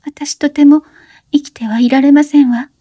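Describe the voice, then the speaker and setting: A high, breathless young woman, as a woman reads her lines, pleading and sobbing with guilt. Her voice sits far above the reader's own, mellow in tone, and the recording is close and dry. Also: fairly even intonation, normal speed, dry recording, natural voice. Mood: tearful. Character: young woman, desperate, tearful, guilt-ridden.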